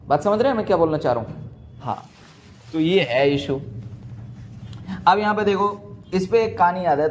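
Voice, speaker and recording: A man's voice: high-pitched, a little mellow. A man from Bihar with a Bihari accent, teaching a class in chatty, joking style, telling stories and checking that students follow. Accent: Bihari Hindi. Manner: joking, storytelling, asks students if they follow. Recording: muffled lo-fi recording.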